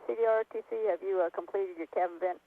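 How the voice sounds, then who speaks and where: Crackly radio voice, very fast clipped man. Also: high voice, fairly even intonation, no room sound. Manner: clipped, businesslike. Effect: crackly radio intercom. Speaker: launch test conductor on the radio loop. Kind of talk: terse procedural radio communications. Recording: tinny narrow-band radio loop.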